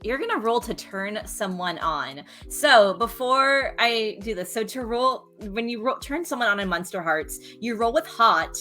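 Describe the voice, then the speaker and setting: A woman's voice: on the high side, lively intonation, a little slow, few pauses, sharp tone, soft background music. A woman running a tabletop role-playing game as game master, explaining the rules and laughing easily.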